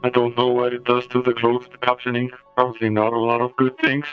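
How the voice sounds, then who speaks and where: A man chats haltingly over his gameplay, his voice run through a crunchy, bitcrushed eight-bit robot filter. The sound is dull and lo-fi, and his pitch stays flat. Faint game music plays underneath. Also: smooth. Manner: halting, with many pauses. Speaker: game streamer. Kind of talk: casual gameplay commentary. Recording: lo-fi filtered stream audio.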